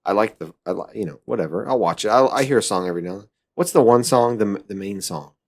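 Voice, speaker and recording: Deep-voiced male podcast co-host, halting and casual. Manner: halting, full of restarts and fillers. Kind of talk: casual chat.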